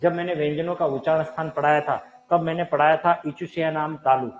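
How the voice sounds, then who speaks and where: A man's voice: on the high side, steady tone, brisk, poor audio. A man teaching a live online Hindi grammar class, talking straight to his viewers, quizzing them and answering his own questions. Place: teaching room with a board.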